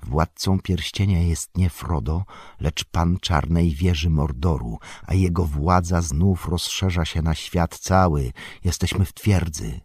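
A stern old male wizard, grave and admonishing, as a man reading a storybook puts him on. The voice is low and husky, speaking with solemn weight. The sound is close and dry. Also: unhurried, darkish tone, no room sound, heavily acted. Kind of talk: audiobook character voice.

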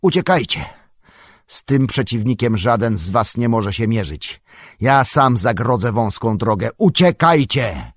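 A man voicing a weary old wizard, speaking slowly, low and solemn. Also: no room sound, clean studio sound. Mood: urgent. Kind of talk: audiobook reading.

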